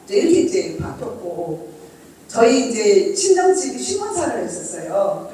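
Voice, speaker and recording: A woman's voice: a little high, dark tone, heavy reverb, recorded from a distance, slight background noise, rough recording. A middle-aged woman reading from her parenting diary and chatting with an audience, asking them questions. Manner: reads diary entries aloud, then chats with listeners, asking them questions. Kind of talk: storytelling talk to an audience.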